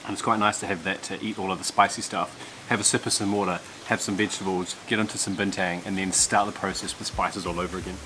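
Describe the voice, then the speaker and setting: A young man in casual vlog chat, relaxed and chatty, talking while tasting food. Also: deep voice, fast talker, background noise. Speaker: travel vlogger.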